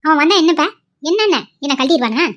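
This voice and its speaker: A woman's voice: high voice, animated, fast, voice pushed up. A woman voicing a pushy middle-aged mother in a cartoon, talking harshly and scolding. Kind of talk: cartoon voice acting.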